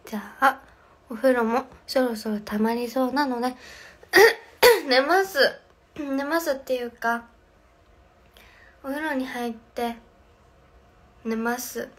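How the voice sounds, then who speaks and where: A woman's voice: sits high, slow pace, pauses often, fairly bright tone. A young woman casually chatting on a phone livestream from home, reading viewer comments aloud and answering them. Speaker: livestream host. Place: home, indoors.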